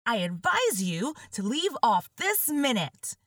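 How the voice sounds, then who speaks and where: A woman's voice: on the high side, very animated, slow, fairly bright tone, no echo, clean studio sound, recorded from a distance, exaggerated voice. A woman voicing Alice, a curious, fretful little girl, in a storybook reading. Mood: scolding.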